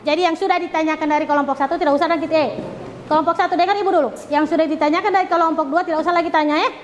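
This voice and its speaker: Woman teacher, very high voice, directive, echoing classroom. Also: fairly even intonation, racing, slight background noise. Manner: directive, checks on students often. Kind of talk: classroom instruction.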